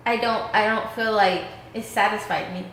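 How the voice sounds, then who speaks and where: In an echoey indoor lounge room, a vlog host in her twenties chats through a casual Q&A, dropping many "um"s and "like"s. She speaks at medium pitch with a steady tone, normal speed, and a fairly bright sound, over a little hiss or hum.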